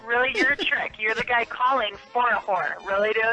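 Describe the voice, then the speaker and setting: A woman's voice: on the high side, a little fast, pushed and bright. A woman heard over a phone on speakerphone, answering a call in a curt, dismissive way. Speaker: escort taking a prank call. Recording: muffled speakerphone line.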